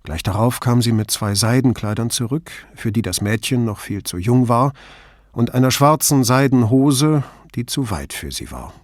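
A man narrating an audiobook in an expressive, scripted reading on a close microphone. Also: medium pitch, moderate pace, no room sound.

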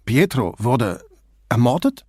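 A man voicing Nino, an excitable middle-aged drinker who talks eagerly and pushes his point. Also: mid-range voice, slow, no room sound, clean studio sound. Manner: eager, talkative, pushy.

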